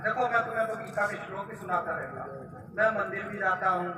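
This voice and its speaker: A man playing a young suitor who turns into a shouting, domineering husband in an amateur stage skit, heard through a distant PA in an echoey hall. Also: sits high, animated, quick pace, crowd noise. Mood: coaxing. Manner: shouting, bossy.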